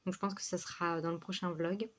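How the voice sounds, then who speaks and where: A woman's voice: lowish voice, level tone, a little fast, a bit bright, slight background noise. Rambling woman vlogger with a slight lisp. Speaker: book vlogger. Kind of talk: casual vlog chat.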